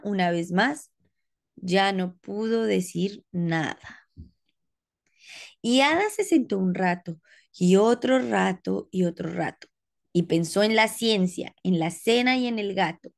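A woman reading a rhyming picture book aloud for children in an expressive, sing-song way. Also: medium pitch, unhurried, creaky. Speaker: storybook reader.

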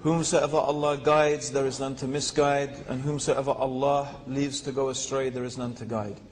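A man's voice: mid-range voice, little pitch movement, a little mellow, a little hiss or hum. Man speaking in a reverberant hall. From England. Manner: measured, with pauses and fillers. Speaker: guest speaker. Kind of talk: religious talk with a personal story.

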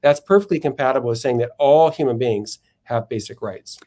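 Male podcast guest, middle pitch, measured, methodical explainer who restarts phrases. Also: dark tone. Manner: measured, methodical, frequent self-corrections. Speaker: philosophy professor guest. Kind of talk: explaining arguments in a podcast interview.

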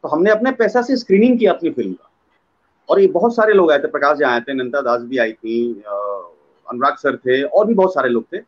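A man, an actor, telling animated stories in a casual interview and slipping into imitations of others. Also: mid-range voice, fairly quick, dull audio. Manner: lively, slips into imitating others.

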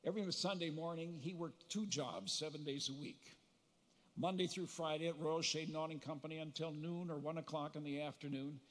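Older man giving a eulogy in a reverberant hall. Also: on the high side. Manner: reminiscing storyteller, gentle humor, pauses to recall. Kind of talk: funeral eulogy. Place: large funeral hall. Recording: long reverb of a large hall.

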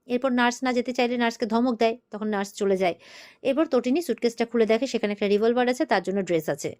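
A woman's voice: on the high side, fast, darkish tone. A woman recapping a TV serial episode in a casual way, retelling the dialogue with constant "she says" tags.

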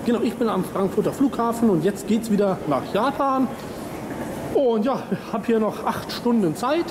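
A young man vlogging casually, rambling with fillers and pauses, filmed with a camera held at arm's length inside a large airport terminal. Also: high-pitched. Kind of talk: casual travel vlog chat. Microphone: handheld camera at arm's length. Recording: noisy terminal background.

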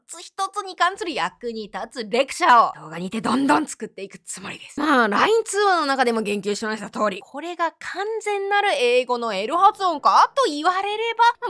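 Lively, high-pitched woman teaching pronunciation. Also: normal speed, few pauses, no echo, studio quality. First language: Korean. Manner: lively, theatrical, formal phrasing. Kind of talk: scripted lesson monologue. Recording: faint background music.

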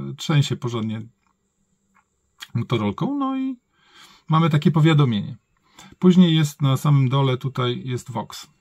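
A man's voice: medium pitch, darkish tone, no room sound. A man giving a casual, improvised hands-on gadget review, thinking aloud in colloquial words and often correcting himself. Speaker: product reviewer.

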